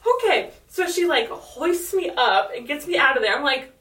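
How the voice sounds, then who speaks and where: A woman's voice: high-pitched, animated, moderate pace, pushed and bright. A woman with a Californian accent telling stories in casual, slangy chat, often saying "like". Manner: informal, slangy, says "like" often. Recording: roomy echo, distant mic.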